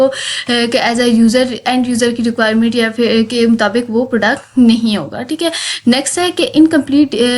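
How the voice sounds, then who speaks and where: A woman giving an exam-prep lecture, reading English lines slowly and then explaining them in Hindi, checking in often with "theek hai". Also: high voice.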